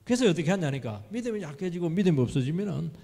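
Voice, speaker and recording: A man's voice: a little high, very animated, very fast, creaky, mellow. A man preaching a midweek sermon as pastor, speaking emphatically and asking the congregation questions. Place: church sanctuary. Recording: long reverb of a church hall.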